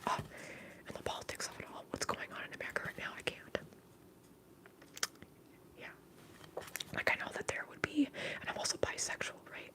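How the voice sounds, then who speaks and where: A woman whispering softly and breathily as she hosts an ASMR livestream, chatting in a candid, informal, rambling way. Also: brisk, long pauses, low-quality recording. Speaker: livestream host.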